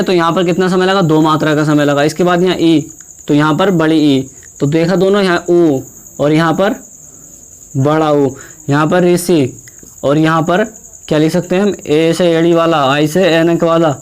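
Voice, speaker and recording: A young man teaches a Hindi grammar lesson, posing questions to the class and answering them himself. He repeats key terms and stretches vowel sounds out slowly to show them. His voice is smooth and fairly high, with fairly even intonation.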